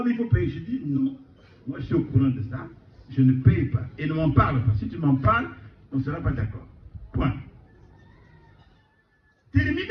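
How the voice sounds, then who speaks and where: A man preaching an informal sermon, animated and repeating words for emphasis. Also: high-pitched, slight background noise. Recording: echoey room, distant mic, dull sound.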